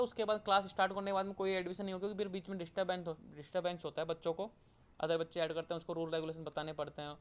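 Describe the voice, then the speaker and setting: A man's voice: fairly high pitch, clear, resonant tone. A man from India giving an online class lecture, explaining step by step and repeating key terms with simple glosses. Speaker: online tutor.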